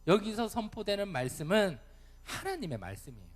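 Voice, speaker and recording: Animated preacher with a Gyeongsang accent. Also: male voice, high-pitched, brisk. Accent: Gyeongsang Korean. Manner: animated preaching, addressing the congregation and acting out quoted thoughts. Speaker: youth pastor. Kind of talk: sermon. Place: church sanctuary. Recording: long church reverb, faint music behind.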